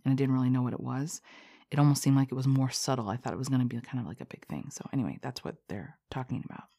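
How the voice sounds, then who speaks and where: Woman podcast host, gravelly, mellow tone, rambling and self-conscious. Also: extremely low pitch, fairly even intonation, rapid-fire. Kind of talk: casual spiritual podcast talk.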